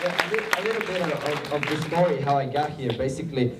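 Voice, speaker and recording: A man from Estonia giving a halting acceptance speech at an awards show, full of fillers and restarts. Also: on the high side, expressive. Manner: hesitant, many fillers and restarts. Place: event hall with a crowd. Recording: roomy hall audio from far off with crowd noise.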